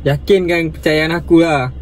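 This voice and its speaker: A Malaysian-accented man in his twenties, with a voice on the high side, makes a prank call from inside a car. He chats casually at normal speed but keeps pressing insistently with questions, and crowd noise can be heard.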